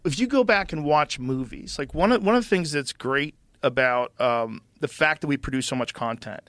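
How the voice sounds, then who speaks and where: A man's voice: on the high side, normal speed, a bit bright, dry recording. A man in casual podcast chat, blunt and profane, talking in strong opinions. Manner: blunt, profane, opinionated, mimics voices for effect.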